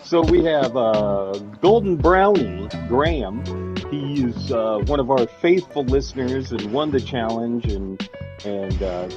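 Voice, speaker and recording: A man's voice: medium pitch, lively intonation, takes it slowly, over music. A man co-hosting a casual podcast, rambling and joking, often laughing. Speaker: podcast co-host. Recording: slightly dull lo-fi sound with faint noise.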